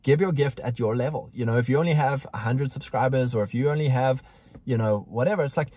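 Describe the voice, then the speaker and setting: Husky-voiced man, emphatic and preachy. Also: mid-range voice, quick pace, warm tone. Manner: emphatic, preachy, gets heated. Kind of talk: casual conversation.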